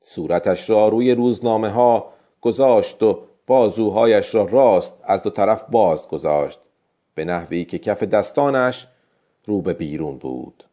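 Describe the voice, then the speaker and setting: Low male audiobook narrator with a lively, rising and falling delivery, muffled lo-fi recording. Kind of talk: scripted storybook narration.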